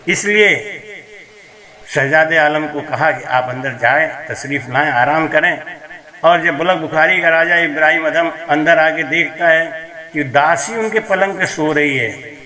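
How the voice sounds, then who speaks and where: A man telling a devotional story as a religious preacher, in a measured storytelling cadence. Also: on the high side, pushed and bright, poor audio.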